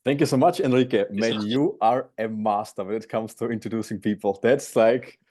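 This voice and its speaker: A man's voice: on the low side, normal speed, a little mellow. A man in his twenties from Austria with an Austrian accent, eagerly teaching an online sales masterclass from home on a video call. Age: 20s. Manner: upbeat, eager, slightly non-native phrasing. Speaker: guest speaker.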